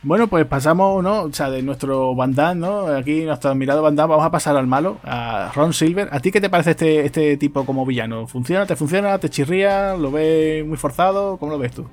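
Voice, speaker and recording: A man's voice: fairly high pitch, brisk, hardly any pauses. A man co-hosting a casual film podcast, chatty and conversational, often tagging his sentences with a questioning aside. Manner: chatty, tags phrases with "¿no?". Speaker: podcast co-host.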